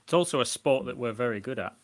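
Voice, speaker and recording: A man who is a podcast guest, chatting casually and making measured remarks. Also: medium pitch, expressive, no room sound. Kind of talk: casual chat.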